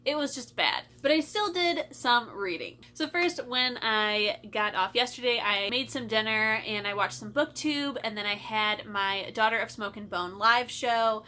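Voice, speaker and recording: With a fairly high, sharp-toned voice, a young book vlogger from Michigan, USA, chats informally at a measured pace with hardly any pauses. She sounds a little stuffy and congested from her sinuses and leans heavily on "like" and "I feel like."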